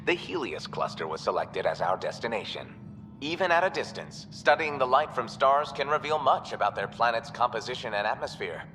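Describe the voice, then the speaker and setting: A man voicing a calm, informative male announcement system heard over a space station's public address speakers in a video game. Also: fairly low pitch, in a large hall, a little hiss or hum. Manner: even, formal announcer delivery.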